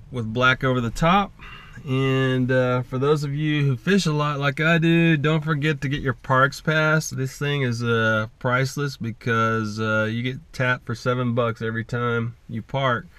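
A middle-aged man from Texas talking casually to camera from inside his car, relaxed and chatty with many fillers, recorded on a dashboard action camera. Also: medium pitch, clean tone. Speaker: fly fishing vlogger. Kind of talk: casual vlog talk to camera.

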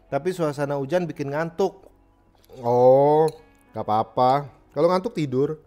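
A livestream host with a fairly high, warm voice reads viewer messages at an easy pace and gives joking, slang-filled advice in casual chat, with soft music in the background.

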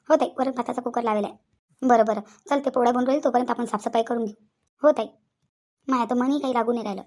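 Woman as a fussy, whiny cartoon village aunt, high and rapid. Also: a little mellow, natural voice. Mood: bossy. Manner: fast, wailing, whiny complaining. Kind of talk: cartoon comedy voice acting.

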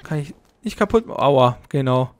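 A let's play host giving live gameplay commentary. They soothe and coax the companion creature in a soft voice, then mutter to themself, puzzled and a little frustrated. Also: mid-range voice, expressive, normal speed.

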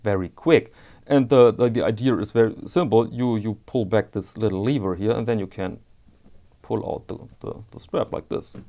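Gravelly, hesitant man reviewing a watch strap. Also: on the low side, normal speed, mellow. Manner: hesitant, repeats words while searching for them; candid personal opinions. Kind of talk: casual product review.

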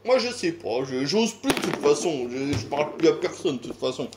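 A middle-aged YouTuber with a French accent rambles through a casual video monologue over a noisy background. His voice is a little high and sing-song, and he talks at a moderate pace. He sounds hesitant, sighing often and filling gaps with fillers and rhetorical questions.

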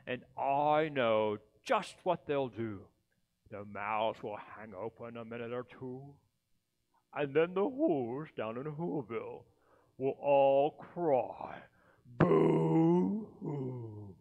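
A man's voice: medium pitch, lively intonation, slow pace, creaky, big-room sound, narrow, tinny audio, voice pushed down. Man putting on the Grinch, sneering and theatrical. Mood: gloating. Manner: mocking, theatrical. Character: gleeful, sneering Grinch, grumpy Christmas-hating creature.

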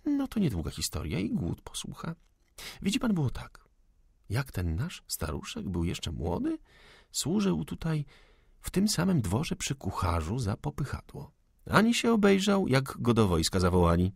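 A man voicing a proud young lady of the manor, calm, witty and unafraid, in an audiobook. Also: medium pitch, normal speed, creaky, husky, no echo, clean studio sound, voice pushed up, exaggerated voice. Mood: storytelling lively. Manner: cool, ironic, unafraid.

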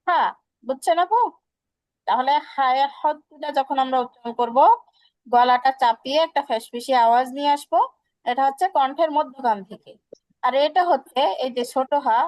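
A woman teacher with a high, clear voice runs an online pronunciation class. She repeats each letter sound patiently and explains slowly. The sound is dry and close. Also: a little mellow, no echo, low-quality recording. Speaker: Quran recitation teacher.

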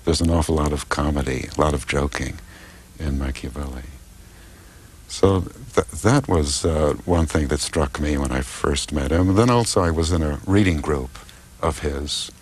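Older man, very deep low voice, hesitant and reflective, interview answers. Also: moderate pace, breathy edge. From United States. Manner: thoughtful, hesitant, many fillers and restarts. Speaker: political philosopher and translator.

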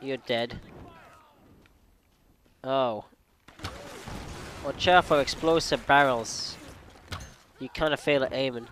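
A man's voice: medium pitch, slow pace, long pauses, a bit bright, slight background noise. A man giving crude, joking let's play commentary, swearing at enemies. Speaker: gamer.

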